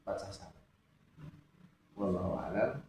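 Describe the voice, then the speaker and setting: Male religious teacher, lowish voice, quizzes students as he goes, echoey distant recording. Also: animated, a little slow, noisy background. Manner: asks students questions and lets them answer. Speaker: Quran recitation teacher. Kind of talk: informal religious lesson. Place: mosque study hall. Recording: echoey room, distant mic, dull sound.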